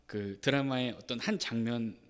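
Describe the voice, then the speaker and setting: A man's voice: medium pitch, normal speed. A male pastor preaching a sermon in a conversational way, often adding a short "yes" and acting out the lines he quotes. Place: church sanctuary. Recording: reverberant church sanctuary.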